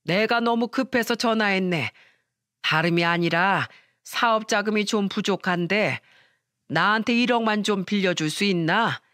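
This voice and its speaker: Woman doing a sly father-in-law, pushy and smooth, dry sound. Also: mid-range voice, unhurried, a bit bright, no room sound, lightly acted. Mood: wheedling. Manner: ingratiating, pushy.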